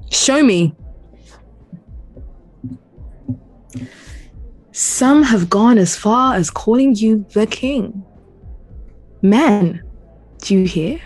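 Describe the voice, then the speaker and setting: A woman playing a proud, menacing king who taunts a prisoner in a slow, deliberate, imperious way in an audio play. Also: mid-range voice, darkish tone, breathy edge, full character voice, rough recording. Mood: taunting. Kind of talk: dramatic audio play acting.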